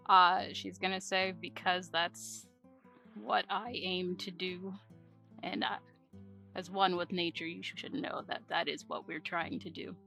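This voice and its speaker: Bright-voiced woman roleplaying at a game. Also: on the low side, flat delivery, unhurried, gravelly, faint music behind. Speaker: tabletop game player. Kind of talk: casual roleplay, describing her character's words.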